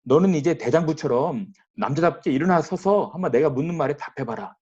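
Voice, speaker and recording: A male preacher voicing a stern, rebuking God who fires slow, pressing questions. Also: fairly high pitch, expressive, darkish tone, slightly rough, lo-fi sound.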